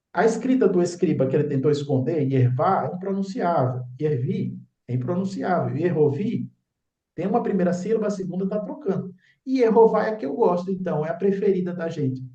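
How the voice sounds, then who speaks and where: A man's voice: high voice, expressive, a little fast, mellow. A man explains slides as a religious teacher, insistent and often checking in with the listener. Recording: echoey room, dull lo-fi sound.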